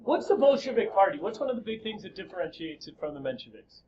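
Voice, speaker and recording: Male teacher, lively and joking, high voice, slightly muffled classroom recording with faint hiss. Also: fast. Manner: lively, joking, quizzing students. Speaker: high school history teacher. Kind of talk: classroom lecture.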